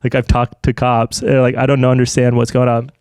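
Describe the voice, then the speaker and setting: A man's voice: medium pitch, completely flat delivery, fairly quick, darkish tone, clear, resonant tone, dry recording. Guy in his 30s laughing thru a story on a podcast, cussing a lot, dry close mic. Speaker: podcast co-host. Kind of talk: casual storytelling chat.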